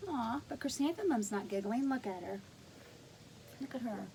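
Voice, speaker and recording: A woman reading a picture book aloud to young children, gently explaining words and adding asides. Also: fairly high pitch, expressive, normal speed, a little hiss or hum.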